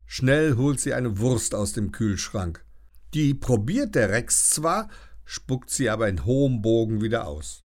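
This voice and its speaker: A man narrating a children's audiobook with an expressive storytelling delivery. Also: mid-range voice, measured pace.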